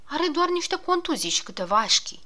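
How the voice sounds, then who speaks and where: Lady doing a fussy little gnome doc, coaxing and scolding, lively up-and-down voice. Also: very high voice, voice pushed up, exaggerated voice. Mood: fussing. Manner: soothing then scolding, fussy. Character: fussy, grumbling male gnome doctor. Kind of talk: storybook reading.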